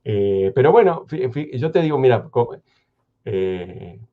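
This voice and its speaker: A man with an Argentine Spanish accent, speaking as a guest historian in a thoughtful radio conversation, measured and hesitant, with many restarts. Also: mid-range voice, very animated, phone-quality sound.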